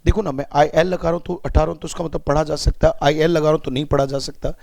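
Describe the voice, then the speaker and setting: A man's voice: fairly high pitch, flat delivery, fast, vocal fry, darkish tone, dry recording. A man with an Indian accent teaching English vocabulary. He breaks words into parts and asks students to repeat after him. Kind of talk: vocabulary lesson.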